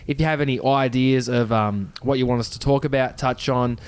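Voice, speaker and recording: Man, medium pitch, podcast co-host, informal conversational style. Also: fairly even intonation, brisk, clear, resonant tone. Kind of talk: casual chat.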